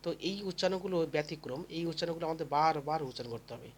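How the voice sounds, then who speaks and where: A man's voice: fairly high pitch, fast, a little hiss or hum. A man teaching English letter pronunciation in a classroom-style lesson, asking questions and answering them himself, and chanting the sounds in repeated rounds.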